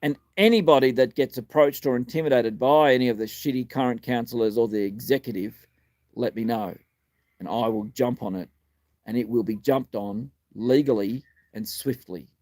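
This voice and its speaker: A man's voice: mid-range voice, normal speed, darkish tone, no room sound, studio quality. An Australian man in his fifties with a missing front tooth, speaking live in blunt, emphatic, sweary short phrases. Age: 50s. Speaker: live-stream host and community advocate. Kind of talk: live political talk, answering viewer questions.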